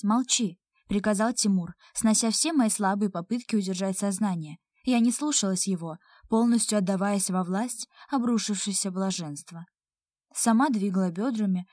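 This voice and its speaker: A woman narrating a first-person audiobook in a steady, intimate reading. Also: medium pitch, no echo, studio quality.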